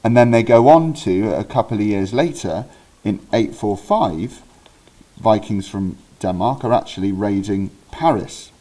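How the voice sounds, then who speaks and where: The recording is rough as a relaxed man from Wales, low and mellow of voice, talks through an informal history lesson like a teacher at his desk. He keeps stopping on ums, restarting, and correcting a date or word before carrying on, friendly, chatty, unscripted and easygoing.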